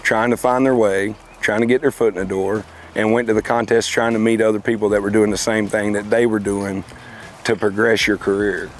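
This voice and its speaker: A man's voice: fairly low pitch, a little hiss or hum. A middle-aged man, chatting casually and reminiscing in a folksy, plain-spoken way. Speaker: competitive car auctioneer being interviewed.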